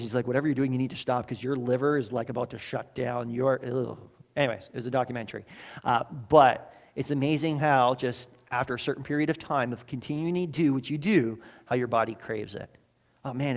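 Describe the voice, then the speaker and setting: A male pastor preaching a casual, animated sermon, often laughing and acting out quoted voices. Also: mid-range voice, big-room sound.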